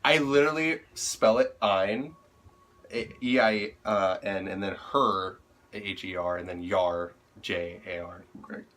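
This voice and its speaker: A man's voice: low voice, unhurried, fairly bright tone. A young man casually chatting as co-host, crude and joking with frequent laughs. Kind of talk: casual chat.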